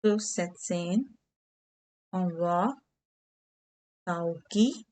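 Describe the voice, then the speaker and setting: A woman teaching beginner French, giving English glosses and repeating key words slowly. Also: lowish voice, a little mellow. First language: Hindi.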